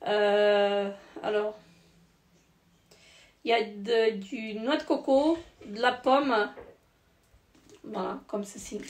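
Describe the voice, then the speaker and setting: Hoarse woman chatting through a grocery haul. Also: fairly high pitch, echoey room. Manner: chatty, rambling, many fillers and self-corrections. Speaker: vlogger showing her grocery haul. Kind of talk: casual haul vlog.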